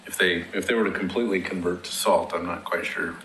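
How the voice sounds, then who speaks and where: A man with a very deep, bright-edged voice speaks at a committee meeting in a flat, even tone. He is measured and thinks aloud with some hesitation. The recording is echoey, with a faint hum behind him. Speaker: committee member. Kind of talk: public committee meeting discussion. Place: council meeting room.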